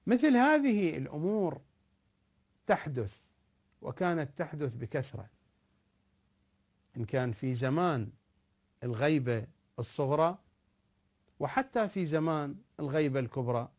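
A man giving a religious lecture in a measured, emphatic delivery with rising and falling stresses. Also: fairly high pitch, animated, dull audio.

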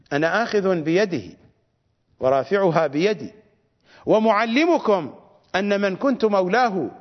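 A man with an Iraqi Arabic accent giving a religious lecture as a cleric, fiery and scornful, repeating phrases for stress. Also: high voice. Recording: reverberant dull lo-fi recording.

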